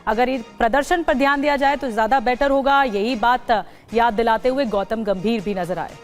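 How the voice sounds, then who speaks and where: High-voiced woman anchoring the news. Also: normal speed. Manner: crisp, formal reading. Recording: faint music behind.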